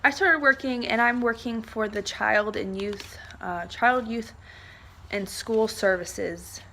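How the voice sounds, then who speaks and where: A woman's voice: on the high side, slow, pushed and bright, a little hiss or hum. Young adult woman, casual vlogger; rambling, filler-heavy delivery. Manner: rambling, chatty, frequent "like" and "um". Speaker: vlogger, military spouse. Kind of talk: casual chat to camera.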